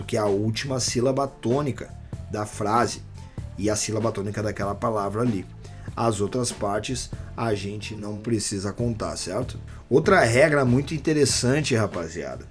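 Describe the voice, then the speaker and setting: A man with a Brazilian Portuguese accent gives a casual online lesson on writing rap. He talks in a relaxed, slangy way with many fillers, his voice sitting at a middle pitch, and faint music plays underneath. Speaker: rap workshop teacher.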